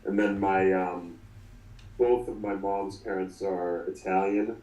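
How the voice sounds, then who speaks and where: A man's voice: low-pitched, steady tone, dark tone, reverberant, recorded from a distance, poor audio. A man in his twenties talking through an interview as the guest, often restarting and filling with ums. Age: 20s. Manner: halting, many restarts and fillers. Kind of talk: casual interview.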